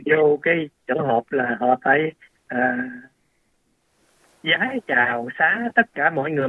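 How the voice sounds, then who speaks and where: A man's fairly high voice, free of room sound, comes through a tinny phone-like radio line. He's a doctor being interviewed, explaining things with plenty of hesitation, fillers, and restarts.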